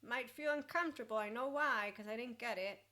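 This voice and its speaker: Bright-voiced woman, informal blunt mentor. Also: on the high side, a little fast. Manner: informal, blunt, swears casually. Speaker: mentor and host. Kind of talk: informal rambling mentoring talk.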